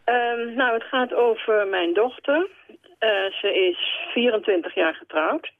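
A woman's voice: fairly high pitch, unhurried, no room sound. Older woman calling in over a phone line. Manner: hesitant, many fillers. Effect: radio show caller on a phone line. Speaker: caller. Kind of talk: call-in radio question.

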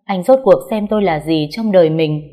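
A woman tells a first-person story in a steady, plain reading voice. Her voice sits somewhat low, with a dark, mellow tone. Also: brisk. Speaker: story narrator.

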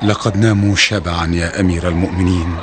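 Guy playing a quiet loyal servant, low voice, hissy old radio tape. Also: fairly even intonation, fast, natural voice. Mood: deferential. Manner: hushed, deferential. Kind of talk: radio drama acting. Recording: noisy old radio recording.

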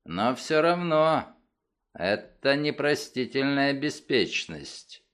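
A man reading an audiobook, voicing a calm, cunning detective who speaks in a measured, persuasive way. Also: mid-range voice, smooth. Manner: measured, unhurried, coolly persuasive.

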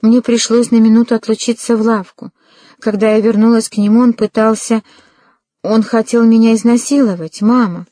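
A woman's voice: on the high side, warm tone, dry recording, voice pushed up, natural voice. A woman voicing a proud young woman who turns hysterical and tearful, in an audiobook reading. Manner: stiff and prim, then hysterical and tearful.

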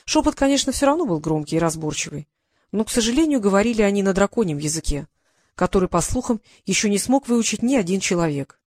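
A woman narrates a fantasy audiobook in an even, storytelling manner. Her voice sits at a middle pitch. The recording is close and dry. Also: fast talker, dry recording.

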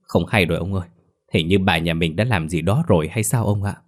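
A man's voice: low-pitched, brisk. A man voicing an anxious young servant girl who pleads and stammers, in a narrated ghost story. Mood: pleading.

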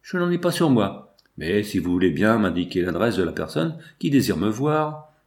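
A man's voice: fairly low pitch, big pitch swings, moderate pace, darkish tone. A man voicing a sly, insistent male business agent in an audiobook, with an eager, self-assured manner. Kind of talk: audiobook character voice.

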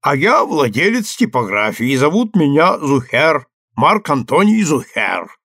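A man voicing a fat, middle-aged German print-shop owner with a hoarse, joyful voice. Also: a little high, big pitch swings, unhurried, fairly bright tone, no room sound, studio quality, pitched above the performer's own voice, heavily acted. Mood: jovial. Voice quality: hoarse, bubbling with joy.

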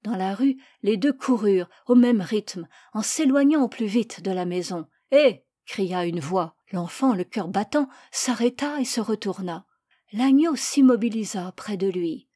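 A woman reading a story aloud in a measured, expressive storytelling voice. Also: medium pitch. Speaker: narrator.

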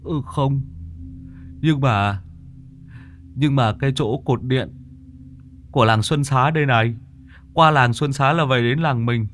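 A man voicing a brash, boastful young male driver in a storybook reading, with an excitable, stammering way of talking. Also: mid-range voice, a little slow, long pauses, slight background noise, pitched above the performer's own voice, lightly acted. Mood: sheepish.

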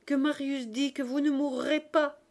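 A woman's voice: on the high side, expressive, unhurried, dark tone, pitched above the performer's own voice. A woman reading the part of a loving young woman, eager and tearful, with a raised, pleading voice.

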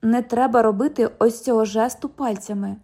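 A woman's voice: fairly high pitch, fairly even intonation, normal speed, warm tone. A woman reading an audiobook, voicing a formal, patient young male police officer.

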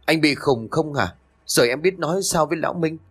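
Man doing a stepmother, cruel, scheming, harsh, scolding, lively pitch, storybook. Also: fairly quick.

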